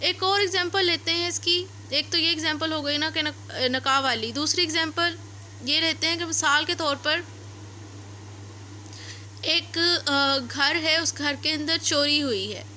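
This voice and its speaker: A law lecturer with a Pakistani accent speaks in a high, pushed, bright voice, explaining her subject with examples and restating key points as she goes. Her delivery is didactic, and the recording has noticeable background noise.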